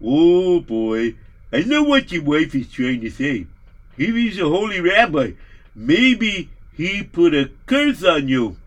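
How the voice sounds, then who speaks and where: A man's voice: a little high, big pitch swings, slow pace, muffled recording. A man voicing a nervous, deferential male servant. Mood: worried.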